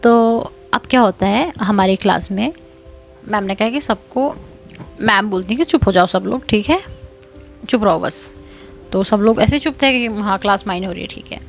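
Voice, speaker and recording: A young woman telling a personal story in a chatty, animated way, often laughing and mixing in English words. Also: medium pitch, normal speed, faint music behind. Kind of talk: casual storytime narration.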